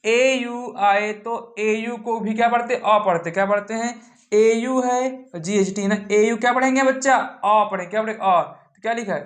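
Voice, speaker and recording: A man teaching English reading rules at a whiteboard, asking questions and repeating each word slowly for the class. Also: high voice. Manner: drills with call-and-response questions, repeats words slowly. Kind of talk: whiteboard phonics lesson.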